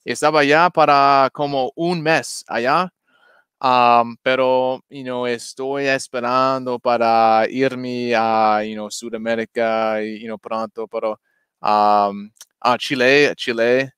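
A man on a casual livestream talks in halting, filler-heavy phrases and drops into English asides. His delivery is unhurried and his voice is clear and resonant. The sound is dry and close to the mic. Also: mid-range voice, steady tone, fairly bright tone, no room sound. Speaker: guest YouTuber.

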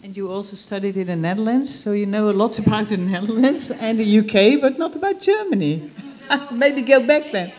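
A woman chairing a conference session, moderating the panel in a brisk, lightly teasing way. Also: mid-range voice, expressive, a little mellow.

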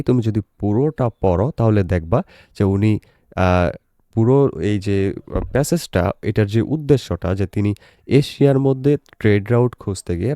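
A young Bangladeshi man teaching an English tutorial lesson, reading quoted English lines slowly word by word. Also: lowish voice, mellow, no echo, studio quality.

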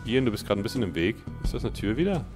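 A man giving casual, joking commentary on a let's play, thinking out loud as he plays. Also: on the low side, big pitch swings, very fast, music in the background.

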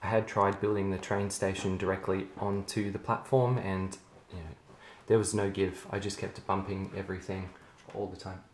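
A young man giving a relaxed, chatty show-and-tell of his hobby build at home, with frequent ums. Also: low voice, moderate pace. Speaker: LEGO hobby vlogger. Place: carpeted room at home. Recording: echoey room, faint noise.

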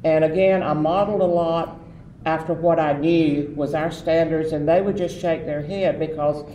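An older Southern American man, once an association president, rambles with many fillers while reminiscing as an interview guest. His voice is on the high side yet dark in tone, steady, at normal speed. The recording is muffled and roomy from a distant mic, with faint noise.

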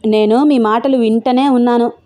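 A woman's voice: a little high, fairly even intonation, moderate pace, mellow, natural voice. A woman voicing a chatty, blunt village housemaid speaking rustic dialect. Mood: cheeky. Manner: rustic dialect speech, cheeky.

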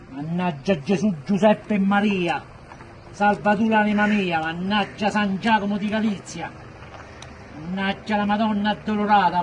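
A man's voice: high-pitched, low-quality recording. A middle-aged man in an exasperated, muttered swearing rant as he works bent over, recorded outdoors on a phone from a few steps away. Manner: exasperated, cursing, straining while bent over work. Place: outdoors by a building wall. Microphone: phone held by another person a few steps away. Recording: outdoor phone video with faint noise.

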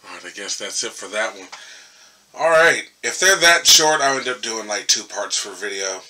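A man's voice: lowish voice, expressive, normal speed, pushed and bright, distant mic, slight background noise. A man hosting a reaction video, chatting casually and swearing freely. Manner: laid-back, casual swearing.

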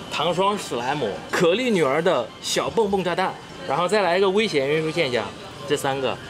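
A young man hosts a food vlog inside a themed cafe and shop, his fairly high, expressive voice moving at a moderate pace. Chatting casually into a handheld camera mic as he tastes the food, he stays upbeat and exclaims over every dish.

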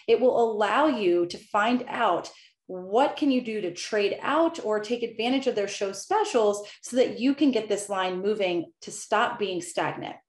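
A woman in her thirties presents a software tutorial in an upbeat, clearly scripted manner, with a voice of middling pitch. She speaks from a room at home into a webcam, and the walls give her voice a noticeable echo. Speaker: software company VP presenting a product. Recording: echoey room.

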